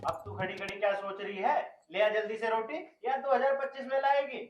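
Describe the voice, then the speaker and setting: An actor playing a stubborn, cheeky young village husband with a Haryanvi accent, loud and quarrelsome with quick comic retorts. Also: male voice, sits high, flat delivery, dull audio, faint music behind, close to an everyday voice. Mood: exasperated. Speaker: comic lead in a village film.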